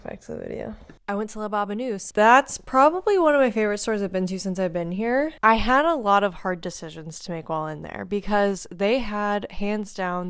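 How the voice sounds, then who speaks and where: Young woman vlogging, chatty and upbeat, smooth clear voice, dry sound. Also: medium pitch, no echo. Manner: chatty, upbeat, thinking aloud. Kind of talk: casual travel vlog.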